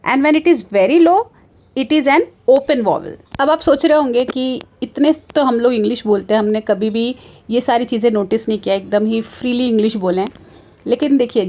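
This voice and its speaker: A woman teaching a lesson on vowels, mixing Hindi explanation with careful, drawn-out English examples and modelling each vowel sound. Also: on the high side, a little mellow. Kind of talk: lecture explaining phonetics.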